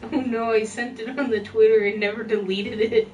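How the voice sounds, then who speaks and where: A woman's voice: a little high, steady tone, normal speed, darkish tone, muffled recording, slight background noise. A woman streaming a game with a friend, joking bluntly and swearing freely. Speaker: gaming streamer. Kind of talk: casual chat while gaming. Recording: distant mic, faint background music.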